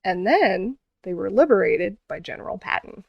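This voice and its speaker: Woman, casual earnest storytelling, lots of fillers, gravelly voice, dry close sound. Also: medium pitch, animated, normal speed, dry recording, muffled recording. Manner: earnest, with many fillers and restarts. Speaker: vlogger telling stories.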